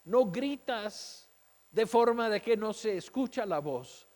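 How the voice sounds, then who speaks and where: A man with a high voice preaches at an unhurried pace, sharing a personal testimony. He throws out rhetorical questions and briefly mimics the doubting voices of his listeners. His words ring out with a long reverb, as in a large hall. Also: animated, darkish tone. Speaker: pastor. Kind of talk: sermon.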